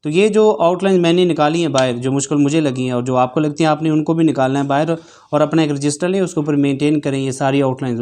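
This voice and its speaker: A man teaching shorthand, reading news text aloud very slowly for dictation with the punctuation spoken out, then explaining practice tips to students. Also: mid-range voice, darkish tone. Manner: dictates very slowly, one phrase at a time; brisk, instructive talk to students.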